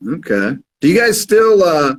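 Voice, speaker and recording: A man's voice: on the high side, big pitch swings, measured pace, rough recording. A man hosting a casual radio livestream interview, easygoing and full of fillers and agreeing noises. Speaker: radio host.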